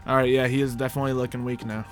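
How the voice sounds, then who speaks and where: A man serving as game master for a tabletop roleplaying game casually narrates turns and makes rulings. He races along at medium pitch with little pitch movement, while faint music plays underneath.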